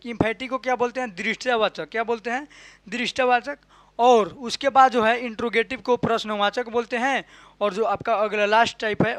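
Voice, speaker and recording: High-voiced man teaching grammar, dry sound. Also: no echo. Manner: asks and answers his own questions, repeats key terms; ends points with a soft "ठीक है". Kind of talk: classroom lesson explaining in Hindi.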